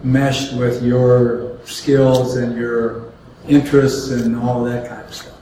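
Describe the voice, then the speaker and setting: A man's voice: medium pitch, flat delivery, slow, warm tone, a little hiss or hum. A man interviewing a guest, asking plain, probing questions. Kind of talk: casual interview. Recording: very echoey, distant from mic.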